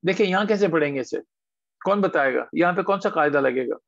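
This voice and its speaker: High gravelly-voiced male tajweed teacher, patient, dull lo-fi call sound. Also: animated, no echo. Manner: patient, asks students questions, drawn-out model words. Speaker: Quran recitation teacher. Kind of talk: online tajweed class. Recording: dull lo-fi online call audio.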